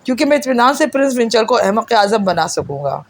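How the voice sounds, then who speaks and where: A woman's voice: on the high side, sing-song. A woman voicing a stern, ruthless male secret agent giving harsh, clipped orders. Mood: flat.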